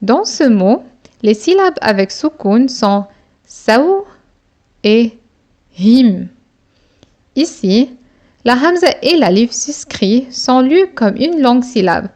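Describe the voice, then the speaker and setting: A woman teacher walks through a reading lesson at an extremely unhurried pace, breaking every word into separate syllables. Her voice sits a little high and stays careful and deliberate throughout. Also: sing-song, darkish tone. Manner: slow, deliberate, sounding out each syllable.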